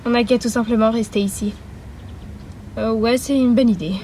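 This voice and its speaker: High-voiced woman voicing a doll drama. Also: fairly even intonation, normal speed, mellow, slight background noise. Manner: casual, hesitant with fillers. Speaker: creator voicing a fan doll series. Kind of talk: homemade doll drama dialogue.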